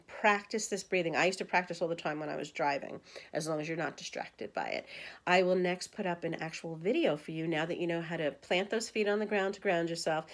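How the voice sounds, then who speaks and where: Woman, meditation teacher, casual instructional talk, counts breaths aloud, relaxed everyday tone. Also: on the low side. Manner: chatty, guiding with counts and cues. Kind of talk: casual spoken meditation lesson.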